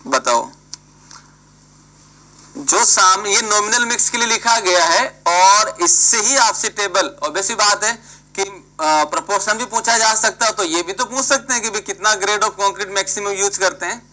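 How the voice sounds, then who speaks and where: A man's voice: high voice, a little slow, sharp tone, poor audio. A man teaching an engineering class online, prodding and scolding students by name and mixing English terms into his talk.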